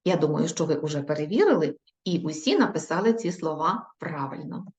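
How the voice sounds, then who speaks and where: A woman teaching young children in a recorded video lesson. She dictates slowly and carefully and repeats each word. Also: low-pitched, expressive, a little mellow. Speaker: primary school teacher. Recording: echoey room, dull lo-fi sound.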